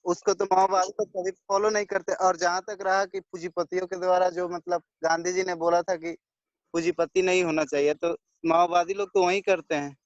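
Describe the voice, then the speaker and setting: A young male student comes through a crackly call line that keeps dropping out, and the sound is dull and lo-fi. His voice sits a little high for a man. He asks his question haltingly and stops to check whether anyone can hear him. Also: little pitch movement, no room sound. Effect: crackly call line that keeps cutting out. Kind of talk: question in an online class.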